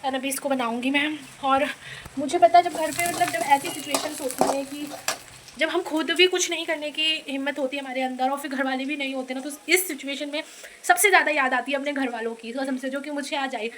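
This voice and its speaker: A young woman with a high, bright voice talks, rambling and full of dramatic complaints as she vlogs from her kitchen. She speaks into a phone camera, and a faint room hum sits behind her. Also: fairly even intonation, fairly quick. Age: young adult. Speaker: vlogger. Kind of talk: casual vlog chat. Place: home kitchen.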